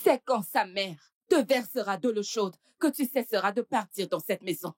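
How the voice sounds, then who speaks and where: A woman's voice: medium pitch, normal speed, close to an everyday voice. An actress dubbing a strict, middle-aged village mother who scolds sharply. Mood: scolding. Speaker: dub actress. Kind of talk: dubbed film acting.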